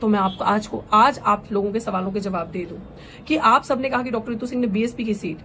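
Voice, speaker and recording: A woman's voice: medium pitch, fairly quick, a bit bright, a little hiss or hum. A young adult woman, a political candidate and activist, giving an impassioned, rousing speech, slipping English phrases into her talk. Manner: fervent, rousing, mixes English phrases into Hindi.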